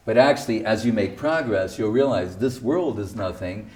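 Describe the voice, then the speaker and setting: An animated man with a lowish, slightly mellow voice talks at normal speed, sounding far from the mic. His informal spiritual talk recounts what his guru taught, weaving in stories, quotes from others, and wry comments.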